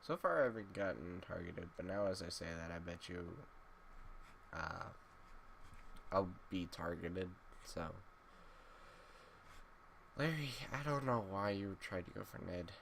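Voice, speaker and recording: A man's voice: sits low, lively intonation, measured pace, creaky, pauses often, slight background noise. A man giving casual, wry gameplay commentary, sleepy and drowsy after just waking up. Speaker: gaming YouTuber.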